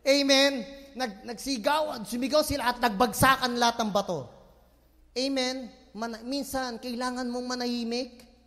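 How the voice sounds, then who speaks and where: A man with a very high voice preaches with lively swings between hushed asides and loud emphatic lines, mixing in English. His words ring out with a long reverb through a church hall. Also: moderate pace. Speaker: pastor. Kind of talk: sermon.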